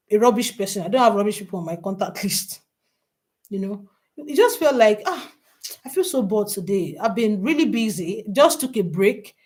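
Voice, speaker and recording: A woman, hosting a live online workshop, chatty and laughing often as she greets viewers by name. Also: on the high side. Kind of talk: live online teaching session.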